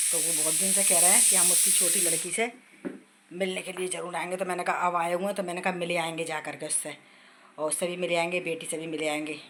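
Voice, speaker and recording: Unwell middle-aged woman, flat chatty vlog. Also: fairly low pitch, fast, noisy background. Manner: chatty, rambling, retells conversations. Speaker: vlogger. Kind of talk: casual home vlog. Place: home kitchen.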